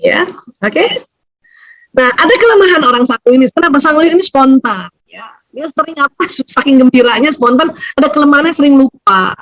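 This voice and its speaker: A woman, giving a lively seminar talk as a doctor, laughing often and acting out voices. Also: sits high, moderate pace, dry recording, rough recording.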